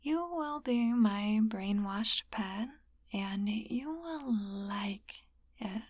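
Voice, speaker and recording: A woman performing a whispered role-play as a teasing, gently dominant young hypnotist classmate, speaking in a mesmerizing, coaxing way. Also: mid-range voice, animated, very slow, no room sound, clean studio sound. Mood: mesmerizing, possessive.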